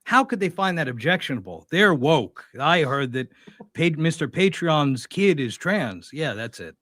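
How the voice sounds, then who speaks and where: A young male host giving sarcastic, mocking commentary. His voice sits a little high, and the recording is dry and close, with no room sound. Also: sing-song, a little slow, fairly bright tone, no room sound. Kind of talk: casual reaction commentary.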